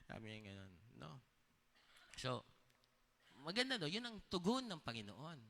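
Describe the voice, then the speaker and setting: A man's voice: a little high, huge pitch swings, measured pace, pushed and bright. A man preaching a sermon as pastor, telling personal stories in a conversational tone and often checking in with the congregation through short questions. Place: church hall. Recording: long reverb of a church hall.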